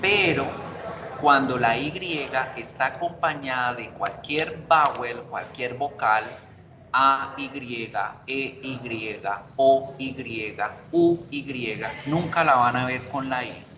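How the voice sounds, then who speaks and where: A man with a medium-pitched voice teaches an online English class slowly, laying out grammar rules step by step while switching between Spanish and English. He spells out letters and checks in with the class, asking them to confirm. The recording sounds roomy, with background noise.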